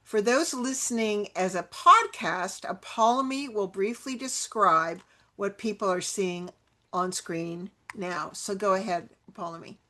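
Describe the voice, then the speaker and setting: A woman hosting a spiritual podcast, speaking slowly and deliberately as she introduces terms and reads a passage aloud. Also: mid-range voice, bright, forceful tone. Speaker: podcast host. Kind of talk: slow spiritual talk show hosting, reading a quote aloud.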